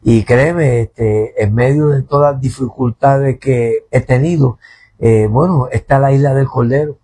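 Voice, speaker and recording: Speaking slightly slowly in a mellow, slightly rough mid-range voice, this radio guest shares his testimony in a studio interview. He is a pastor in his fifties, New Jersey-born and Puerto Rico-raised, who sounds hesitant, repeats words, and tacks "¿verdad?" onto almost every phrase.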